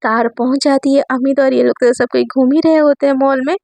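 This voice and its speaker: A woman's voice: sits high, fairly even intonation, quick pace, gravelly, darkish tone, no room sound. A young woman narrating a story in a chatty, rambling way, with frequent restarts.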